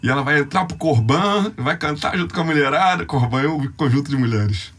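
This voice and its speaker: A man's voice: fairly high pitch, lively intonation, a little fast, a bit bright. A young Brazilian man, a youth ministry leader, telling a heartfelt, tearful testimony on a podcast in a casual, slangy way.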